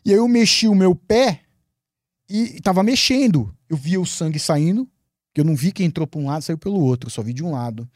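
A man from Brazil, a guest on a podcast, telling a story in a lively way. He swears freely and acts out his own past words. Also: on the high side, a little fast, dry recording, clean studio sound. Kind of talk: animated storytelling in a podcast interview.

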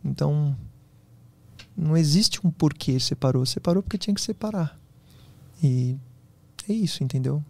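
A man being interviewed as a guest on a podcast, telling personal stories in an animated, casual way. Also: a little high, gravelly. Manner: fast, animated storytelling.

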